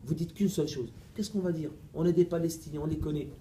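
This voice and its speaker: A middle-aged man, a preacher, tells a lively story to his audience, playful and animated, acting out every exchange. His voice sits a little high but stays warm and mellow. The echoey hall carries a faint background hum. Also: fast. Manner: animated, playful, laughs often, acts out dialogue. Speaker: preacher giving a lecture. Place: mosque. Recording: echoey room recording with faint ambience.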